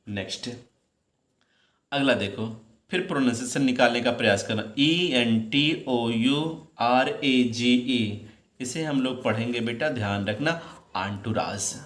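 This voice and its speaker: A man teaching English pronunciation in Hindi, slowly repeating each word and quizzing his students. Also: medium pitch, fairly bright tone. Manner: addresses students as "beta", repeats words slowly, asks questions. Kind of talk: pronunciation lesson. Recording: roomy echo.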